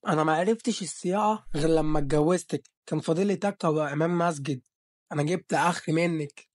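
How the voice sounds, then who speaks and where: A man with an Egyptian accent voicing a bossy, jealous young husband who talks in a gruff, teasing, threatening way. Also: a little high, fast, dry recording, clean studio sound, close to an everyday voice. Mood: angry. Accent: Egyptian Arabic.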